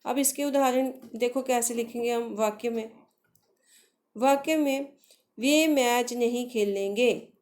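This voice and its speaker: A woman gives a grammar lesson to children at a slow, unhurried pace. Her voice sits a bit higher than most, and she keeps quizzing the class and answering her own questions, calling the children dear. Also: a little mellow. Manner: slow, patient, asks questions and answers them herself; addresses pupils affectionately. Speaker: teacher.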